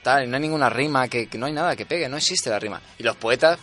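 A bright, forceful man co-hosts an improvised comedy podcast. He rambles in a mock-pedantic way, dodging questions by demanding more detail. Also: medium pitch, fast talker, soft background music. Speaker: podcast co-host.

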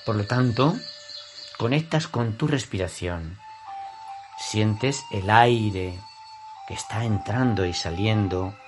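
A male yoga teacher with an accent from Spain leads a guided class. His voice is on the low side and his pace is very slow. He sounds soothing and deliberate, leaving space between short phrases. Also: faint music behind.

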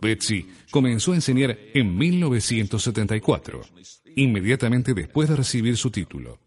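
A man reading a self-help audiobook in a measured, deliberate way. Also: medium pitch, sing-song, darkish tone. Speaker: audiobook narrator. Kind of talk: scripted self-help narration. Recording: long reverb.

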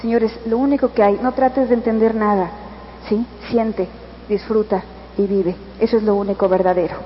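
A woman's voice: medium pitch, steady tone, moderate pace. A woman with a Mexican accent giving an earnest, coaxing motivational speech at a convention, addressing the listener directly. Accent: Mexican Spanish. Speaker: motivational speaker. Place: convention hall. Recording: echoey hall, dull sound, faint noise.

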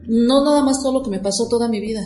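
A woman's voice: a little high, fast, warm tone. A middle-aged woman, telling a personal story in an emotional, rambling way with many fillers. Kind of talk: casual storytelling. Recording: echoey room.

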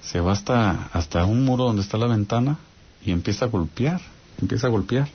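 Low-voiced Mexican man telling a ghost story. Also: expressive, brisk, lo-fi sound, a little hiss or hum. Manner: talks straight to listeners with frequent "¿no?" check-ins. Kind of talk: casual spoken ghost story.

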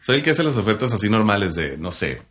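Young male co-host, northern Mexican accent, lowish voice, relaxed and jokey. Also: fast, crowd noise. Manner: relaxed, joking, laughs often. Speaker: podcast co-host and voice-over announcer. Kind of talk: casual chat.

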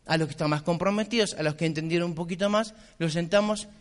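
A man's voice: fairly high pitch, fast talker. A middle-aged man with a Rioplatense Argentine accent giving an emphatic, insistent motivational business talk in a large convention hall. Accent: Rioplatense Argentine Spanish. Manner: emphatic, insistent, repeats points. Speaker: motivational speaker.

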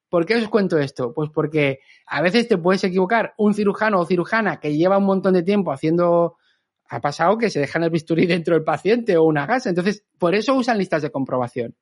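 High-voiced chatty man. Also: fast. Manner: lively, chatty, acts out quotes. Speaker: communicator and trainer. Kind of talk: podcast storytelling talk.

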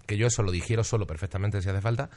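Spanish comedian hosting his podcast, low voice, talks fast and swears casual. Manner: relaxed, swears freely.

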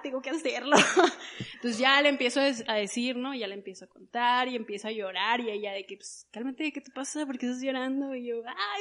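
A young Mexican woman with a fairly high voice tells a personal story in an interview. She is animated and acts out the voices of the people she quotes. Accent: Mexican Spanish. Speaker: guest.

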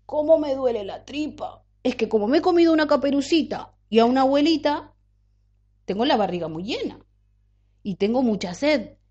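A woman's voice: high voice, expressive, moderate pace, a little mellow, voice pushed up. Woman doing a sly coaxing wolf. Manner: coaxing, crafty. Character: sly scheming male wolf. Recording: dull lo-fi recording.

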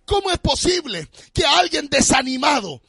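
A pastor, preaching a sermon with impassioned, often shouted, sung-out phrases. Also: male voice, very high-pitched, sing-song, normal speed, creaky, no echo, studio quality. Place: church.

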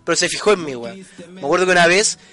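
A man's voice: sits high, animated, sharp tone. A young Chilean man telling stories in casual slangy podcast chat, acting out voices. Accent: Chilean Spanish. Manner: slangy, rapid storytelling, acts out voices. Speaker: podcast co-host.

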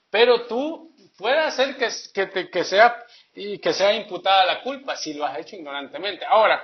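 Casting: high-pitched man, folksy catechism teacher, dull lo-fi recording. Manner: folksy, repetitive, with frequent "¿verdad?" asides. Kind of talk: catechism class talk. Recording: dull lo-fi sound.

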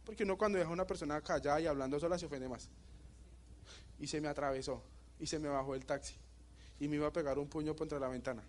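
A young man with a Bogotá Colombian Spanish accent, giving a motivational talk and telling a story with animated energy, often asking the audience questions. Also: a little high, fast, a little hiss or hum. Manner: animated storytelling, asks the audience questions, laughs at his own jokes. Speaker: motivational speaker.

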